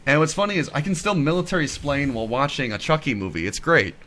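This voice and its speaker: A man's voice: fairly high pitch, very animated, quick pace, bright, forceful tone, a little hiss or hum. A man rambling through a casual podcast chat, full of fillers and jokes. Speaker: guest.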